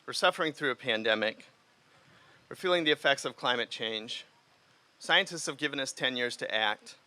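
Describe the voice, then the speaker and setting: A man's voice: medium pitch, lively intonation, normal speed, bright, forceful tone, clear, resonant tone. A middle-aged man from Liberia giving an earnest, off-the-cuff campaign speech outdoors in the rain. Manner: earnest, speaks off the cuff with fillers. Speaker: mayoral candidate.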